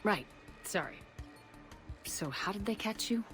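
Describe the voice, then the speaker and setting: A woman's voice: mid-range voice, lively intonation, measured pace, over music, close to an everyday voice. A woman playing a composed, dry-witted military commander in a video game, speaking in short, controlled sentences. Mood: dryly amused. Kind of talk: video game character dialogue.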